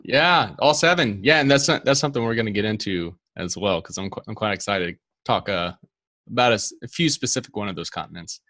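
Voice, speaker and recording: Relaxed male podcast host. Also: fairly low pitch, a little fast. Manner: friendly, relaxed, laughs often. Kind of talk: casual interview chat.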